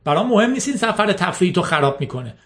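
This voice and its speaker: A man voicing an angry middle-aged father who shouts at another driver after a car crash, in a storybook reading. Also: fairly high pitch, expressive, voice pushed up. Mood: furious. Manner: commanding, furious.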